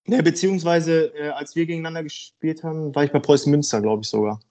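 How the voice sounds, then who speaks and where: A man in his thirties from Germany, a football player talking frankly and a bit haltingly as a podcast guest. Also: on the high side, mellow. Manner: frank, rambling, hesitant. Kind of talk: casual podcast interview.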